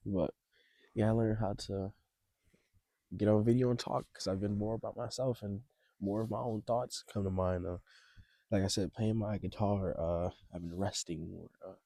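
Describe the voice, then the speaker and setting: His voice is lowish, warm and steady, with vocal fry and a moderate pace, and there's no room sound. The young man is a vlogger chatting casually to camera, offering rambling advice in a hesitant, reflective manner while shivering on a cold, windy, snowy beach, which makes his voice shaky.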